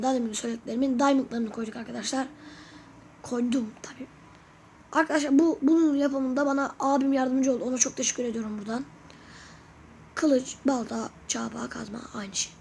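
A woman with a high voice gives casual gameplay commentary as a YouTuber. She talks chattily and keeps turning to her viewers, asking what they think. Faint noise sits under her voice. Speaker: gaming YouTuber.

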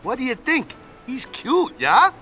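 Game role: good-natured, brash new dad, informal, animated and forceful, faint music behind. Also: male voice, very high-pitched, unhurried, full character voice. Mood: proud, defensive. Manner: informal, ends phrases with a questioning tag. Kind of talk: video game voice acting.

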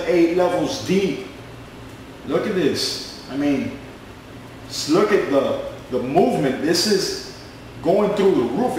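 A man in his twenties giving a screen-recorded sales pitch, pushy and boastful, repeating himself a lot. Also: roomy sound, slight background noise, rough recording. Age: 20s. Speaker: network marketing recruiter.

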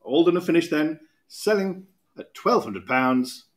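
A British man in his thirties calls bids from an auction room podium. His delivery is brisk and repetitive, with quick asides between prices. His voice sits slightly higher than most men's. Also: animated, heavy background noise. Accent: British English. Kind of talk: live auction calling.

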